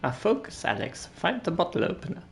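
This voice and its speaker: A man's voice: high voice, huge pitch swings, a little fast, gravelly, voice pushed up, exaggerated voice. A man voicing a playful, chiding voice of conscience that tells someone to focus. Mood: mock chiding. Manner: mock-chiding inner voice of conscience. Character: playful voice of conscience scolding a young woman to focus.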